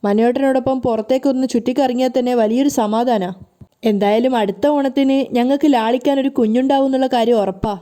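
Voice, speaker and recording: A woman's voice: on the high side, steady tone, quick pace, warm tone, natural voice. A woman voicing a caring, curious young married daughter.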